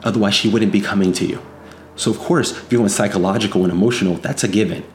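A man's voice: fairly low pitch, fast talker. A man delivering an unscripted opinion monologue as a commentator, earnest, insistent and moralizing, warning of threats and repeating phrases for emphasis. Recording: echoey room, faint background noise.

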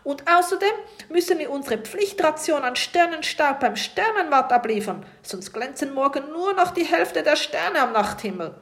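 A woman voicing a vain, grumpy, pot-bellied bearded male sky pirate captain who blusters and shouts in a storybook tale. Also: sits high, expressive, moderate pace, few pauses, pitched above the performer's own voice. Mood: blustering.

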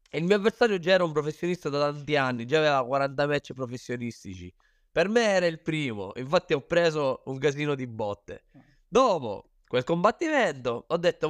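A man's voice: a little high, no room sound. A man from Sicily with a Sicilian accent, a fighter speaking as an interview guest, telling stories casually in an informal, self-deprecating way. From Sicily, Italy. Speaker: interview guest, professional Muay Thai fighter. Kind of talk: casual first-person storytelling in an interview.

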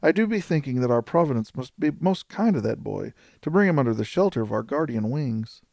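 Male narrator reading a prim rambling old maid, gravelly, dry close sound. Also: mid-range voice, lively intonation, fairly quick, a little mellow, no room sound. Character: fussy, talkative older spinster aunt.

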